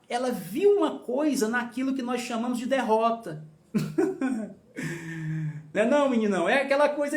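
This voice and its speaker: A man leading an informal Bible study, who stresses points by repeating them and talks straight to his listeners. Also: very high-pitched. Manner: emphatic, repeats key phrases, addresses listeners directly. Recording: roomy echo.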